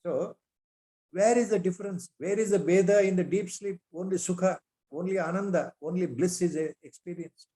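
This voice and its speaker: A man's voice: sits high, moderate pace, mellow. Indian man giving a spiritual lecture. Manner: repeated rhetorical questions; recites Sanskrit verses. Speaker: spiritual teacher.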